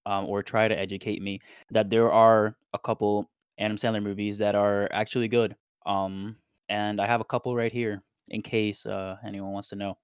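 A man's voice: on the low side, clean tone, no room sound, clean studio sound. A young man from Puerto Rico chatting casually on a podcast, rambling as he counts off his points.

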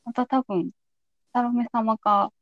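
A woman's voice: a little high, fairly even intonation, slow pace, no echo, lo-fi sound. A woman hosting a podcast in a casual, conversational interview style. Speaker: podcast host.

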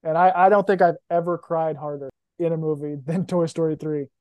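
A man's voice: on the high side, fairly even intonation, brisk, darkish tone, no room sound. A young man co-hosting a podcast, chatting casually and with feeling about movies. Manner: emotional, enthusiastic about films. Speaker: podcast co-host. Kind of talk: casual chat.

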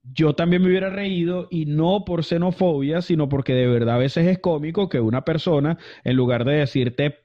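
A little high and at normal speed, the voice belongs to a Venezuelan man telling stories as an interview guest. He rambles casually and chattily, restarting often and using plenty of fillers, and the audio is dull and lo-fi.

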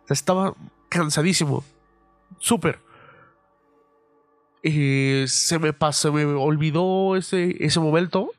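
Mexican dude on a podcast, slightly high voice, swears a lot, dry close sound, faint music behind. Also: male voice, steady tone, slow, pauses often, no echo. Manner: profane, loose, full of fillers. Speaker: podcast host. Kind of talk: casual storytelling.

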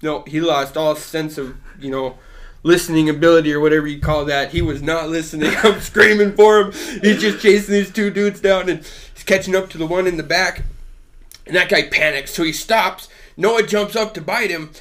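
Young guy, fairly high-pitched, loose casual storyteller who laughs a lot and swears freely. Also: moderate pace, fairly bright tone. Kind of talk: casual chat.

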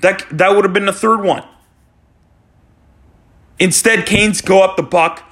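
A man in his forties ranting exasperatedly as a hockey fan after a loss, sometimes shouting. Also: high voice, steady tone, unhurried. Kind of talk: post-game fan rant.

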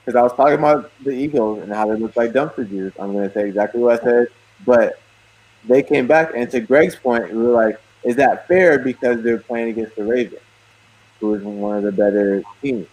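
A man's voice: medium pitch, brisk, darkish tone, low-quality recording. A man co-hosting a casual podcast, defending his point over and over. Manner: defensive, insistent, repeats himself. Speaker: co-host. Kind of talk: casual sports debate.

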